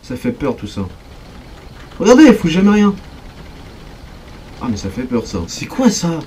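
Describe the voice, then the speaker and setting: A young man commenting on a horror game as he plays, jumpy and excitable, talking straight to his viewers. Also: a little high, normal speed, husky. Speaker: gaming video creator. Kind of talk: let's play commentary.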